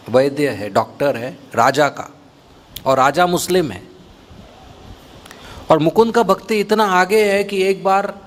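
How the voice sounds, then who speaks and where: A male preacher tells a devotional story in an animated, lively way, with his voice sitting a touch high. English words slip into his speech, and faint room ambience is heard behind him. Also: slight background noise.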